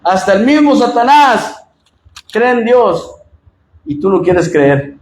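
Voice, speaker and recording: A Mexican pastor preaching a sermon, swinging from loud emphatic lines to low asides. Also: male voice, sing-song, slow, echoey room, a little hiss or hum, low-quality recording.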